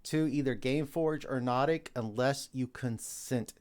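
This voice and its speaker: A man's voice: mid-range voice, a little slow, crowd noise. A man in his forties hosting a live stream, talking straight to his chat in an emphatic, urging way on a cheap mic. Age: 40s. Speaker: streamer host. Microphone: cheap desk mic.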